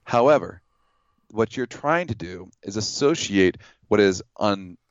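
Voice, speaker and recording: A man debating religion in a measured, explanatory way, building his case with hypothetical examples. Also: on the low side, expressive, no echo, muffled recording.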